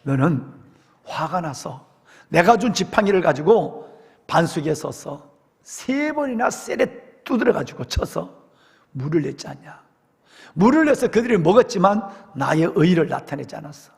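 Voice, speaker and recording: God as a fatherly figure, put on by a male preacher, speaking plainly in a lowered voice with a gravelly edge. His words rise and fall across a wide range. A long church reverb trails each phrase. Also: very animated, normal speed, exaggerated voice. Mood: stern. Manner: low, plain-spoken, scolding then gentle. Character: God, stern then tender divine father.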